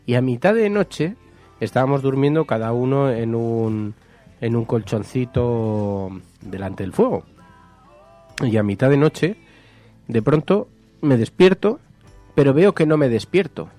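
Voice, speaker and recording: A man's voice: medium pitch, mellow. Joking radio host man. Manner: jokey storyteller, playful teasing. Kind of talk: casual radio chat.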